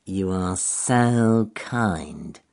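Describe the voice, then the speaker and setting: A man's voice: sits low, animated, very slow, a little mellow, full character voice. A man voicing a sneaky, lying weasel in a storybook, talking slyly and hissing through his teeth.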